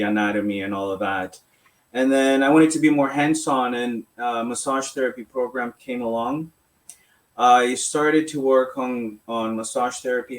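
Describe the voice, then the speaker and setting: Man from Colombia, massage therapist, calm explanatory manner, mid-pitched voice. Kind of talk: interview answers.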